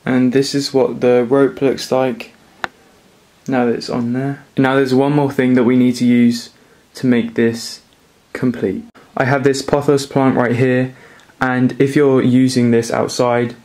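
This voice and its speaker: Relaxed young man with a flat voice. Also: medium pitch, a little slow, low-quality recording. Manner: relaxed, rambling with fillers. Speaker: vlogger. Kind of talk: casual DIY vlog narration. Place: living room indoors.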